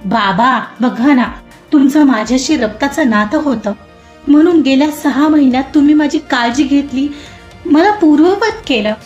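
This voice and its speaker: Woman doing an expressive young heroine for an audio story, high voice, roomy lo-fi sound. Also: moderate pace. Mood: wistful. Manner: chatty, expressive. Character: lively young woman, chatty and emotional. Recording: roomy muffled recording, soft music.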